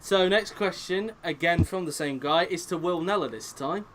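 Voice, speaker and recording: A man's voice: sits high, moderate pace, a bit bright, slight background noise. Man hosting a casual press conference. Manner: reads out chat questions, hesitant fillers. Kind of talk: casual online league chat.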